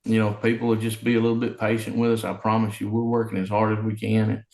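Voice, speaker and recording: A man who works as a city public works official, speaking in an interview over a remote conference call that keeps breaking up. He talks haltingly, with lots of fillers and restarts. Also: lowish voice, monotone, a little mellow. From Arkansas. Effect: remote conference call audio that breaks up. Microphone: video call. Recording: roomy sound over a breaking-up call line.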